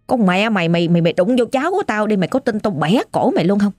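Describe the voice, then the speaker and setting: A woman's voice: medium pitch, lively intonation, racing, a little mellow, no echo, faint music behind, close to an everyday voice. A woman voicing the angry spirit of a dead grandfather speaking through his granddaughter, scolding and threatening in a harsh Southern Vietnamese accent. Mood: furious.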